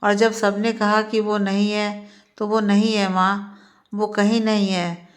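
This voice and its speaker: A woman's voice: medium pitch, little pitch movement, takes it slowly, natural voice. A woman voicing a desperate young man in a spoken Hindi storybook, pleading with repeated questions. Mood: disbelieving.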